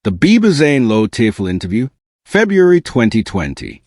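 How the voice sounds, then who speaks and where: A man's voice: medium pitch, big pitch swings, moderate pace, a little mellow, no room sound, clean studio sound. A man delivering scripted celebrity exposé commentary as an online host, in a slangy, incredulous, smug and sarcastic manner.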